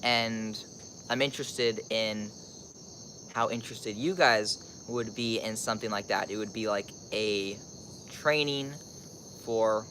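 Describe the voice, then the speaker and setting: A man's voice: lowish voice, takes it slowly, pushed and bright, a little hiss or hum. A teenage young man from Costa Rica chats casually as a live-streaming vlogger, rambling and thinking aloud with lots of filler "like"s.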